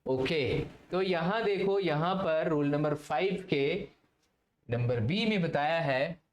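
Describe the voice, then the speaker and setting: In a video lesson, a man teaches English grammar, posing questions and answering them himself in a blend of Hindi and English. His voice is fairly high and slow, and the muffled audio carries a roomy echo with faint hiss.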